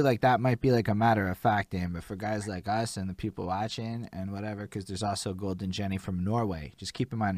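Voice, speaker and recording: A man hosts a casual interview, chatty and eager, sometimes swearing for emphasis. His voice sits fairly low. The sound is dry and close, with no room around it. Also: a little mellow, no echo. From Montreal. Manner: enthusiastic, conversational, swears casually. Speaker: podcast host.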